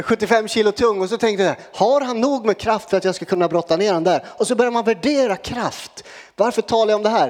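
High-voiced man preaching in a reverberant hall. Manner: lively preaching, jokes with the congregation. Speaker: pastor. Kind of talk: sermon with prayer. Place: church hall with long reverb.

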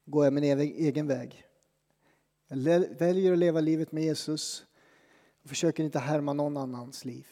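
Pastor in a dark-toned echoing hall. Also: male voice, on the high side, steady tone. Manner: conversational, self-deprecating preaching with dramatic pauses. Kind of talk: sermon. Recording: long reverb from a church hall.

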